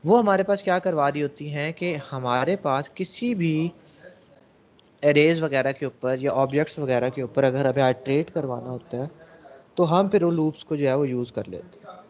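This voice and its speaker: A man's voice: fairly high pitch, darkish tone. Man teaching a class in a dull recording. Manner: explains step by step, asking the class questions and answering them himself. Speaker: programming teacher. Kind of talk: classroom lecture. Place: classroom with students.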